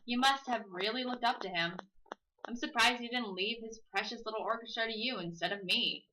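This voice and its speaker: A let's play host reads a visual novel's text aloud as she plays, joking between lines and playfully drawling dialogue slowly for comic effect. Her voice is fairly high, with background noise in the recording.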